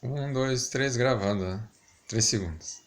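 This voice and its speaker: Man, heavy vocal fry, hesitant casual reflection, slightly lisped speech from wearing a retainer. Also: medium pitch. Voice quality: slightly lisped, stumbling articulation from a dental retainer. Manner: hesitant, reflective, pausing often. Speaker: amateur video maker. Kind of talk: casual talking to camera, unscripted reflection.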